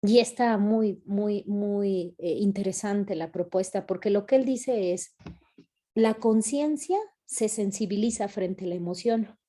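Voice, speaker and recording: Dark-voiced woman lecturing parents. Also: mid-range voice, unhurried. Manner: conversational, asks "¿no?" often. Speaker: speaker at online parents' conference. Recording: online video call talk.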